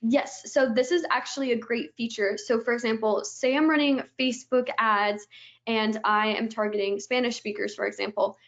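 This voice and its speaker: A woman's voice: fairly high pitch, fairly even intonation, moderate pace, fairly bright tone, muffled recording. A woman, a guest on a webinar, eagerly explaining her product step by step, stringing the steps together with "and then", over a video call.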